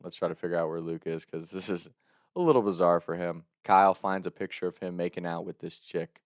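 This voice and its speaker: A young man telling a true story in a casual, animated way, laughing often and acting out what people said. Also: low voice, fairly quick, no room sound, clean studio sound.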